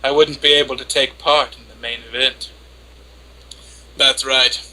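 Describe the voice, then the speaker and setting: A man's voice: medium pitch, fairly even intonation, unhurried, pushed and bright, rough recording. A man giving a hammy, theatrical dramatic reading as a lovestruck, flustered and obsessively devoted young anime woman. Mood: dreamy, devoted. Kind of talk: dramatic reading of an internet post.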